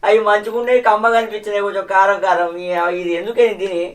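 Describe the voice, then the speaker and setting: An actor with a Telangana accent playing a boastful, slurring drunken village husband. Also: male voice, high voice, fairly even intonation, quick pace, heavy background noise, lightly acted. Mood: grumbling. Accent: Telangana Telugu. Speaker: actor in a village comedy drama.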